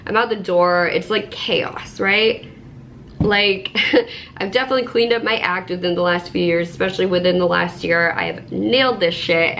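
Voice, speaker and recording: A woman's voice: lowish voice, fairly bright tone, a little hiss or hum. Sick-sounding chatty woman vlogger. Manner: chatty, lots of "like" fillers, self-described structured. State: sick, slowed-down voice. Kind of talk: casual vlog talk to camera.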